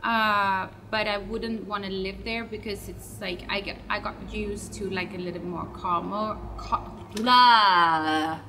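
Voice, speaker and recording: A Swedish-born web show host, chatty and rambling, answers fan questions in a loose vlog and often corrects herself mid-sentence. Her mid-range voice has a sharp tone and fairly even intonation, and she takes her time. She sits far from the mic, so she sounds set back, with a clear layer of background noise.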